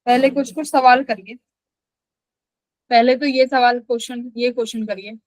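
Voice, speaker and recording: A woman's voice: a little high, steady tone, normal speed, dry recording, low-quality recording. A woman teaching a live online physics class, asking questions and answering them herself, and scolding students who skip class.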